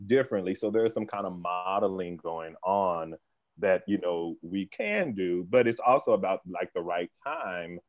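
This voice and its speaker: Podcast guy telling stories fast n laughing, kinda muffled lo-fi sound. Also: deep voice, dry recording. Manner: animated storyteller, laughs often, quick bursts. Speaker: guest, theater organization leader. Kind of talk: conversational podcast interview. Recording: dull lo-fi sound, dry.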